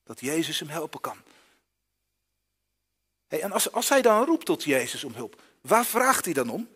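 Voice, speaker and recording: A man's voice: on the high side, very animated, a little slow, fairly bright tone, breathy edge, in a large hall. A man preaching a children's sermon in a church, often asking the listeners direct questions.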